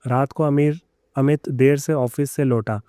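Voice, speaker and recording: Dark smooth male storyteller. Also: mid-range voice, steady tone, measured pace, no room sound, studio quality. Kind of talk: scripted story narration.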